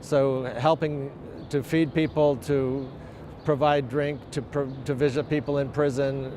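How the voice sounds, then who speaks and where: Measured church minister, street noise behind. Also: male voice, medium pitch, level tone, mellow. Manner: measured, reflective, slightly formal. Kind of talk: explanatory interview.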